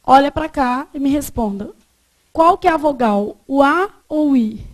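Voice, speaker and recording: Brazilian woman, teacher, high voice, classroom lesson that quizzes the students as it goes. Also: lively intonation, measured pace. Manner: quizzing students with repeated check questions. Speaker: Portuguese teacher.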